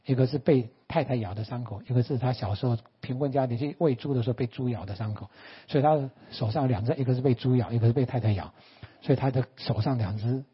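A man pastor, preaching a sermon in a church and telling stories in an animated way. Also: mid-range voice, breathy edge, highs cut off. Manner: animated storytelling, acting out quoted lines.

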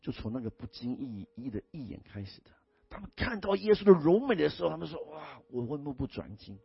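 Animated husky-voiced man preaching. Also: on the high side, fast talker, no room sound, muffled recording. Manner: animated, swings from loud exclamations to hushed murmurs. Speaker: pastor. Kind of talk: storytelling sermon.

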